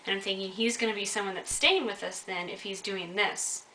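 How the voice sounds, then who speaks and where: A woman's voice: mid-range voice, steady tone, brisk, bright, forceful tone, recorded from a distance. A young woman telling her own story in a vlog, earnest and candid, speaking straight to her viewers. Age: young adult. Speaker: vlogger. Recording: echoey room, mic set back, faint hiss.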